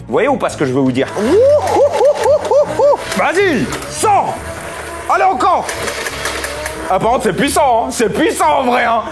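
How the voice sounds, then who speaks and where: A young man giving excited, slangy commentary to his viewers while searching for someone. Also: a little high. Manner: hyped, slangy, keeps addressing "les gars". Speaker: seeker in a hide-and-seek video.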